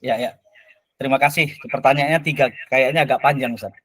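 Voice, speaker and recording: A man, a teacher who is the guest on a talk show, telling stories in a lively, animated way. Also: fairly quick, no room sound, poor audio. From Lampung, Indonesia. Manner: animated storyteller, rises in pitch when excited. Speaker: teacher, invited guest speaker. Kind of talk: casual talk-show answer.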